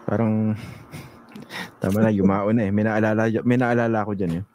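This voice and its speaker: A man's voice: on the low side, level tone, brisk, a little mellow. A male host in a casual talk show conversation, chuckling often as he talks.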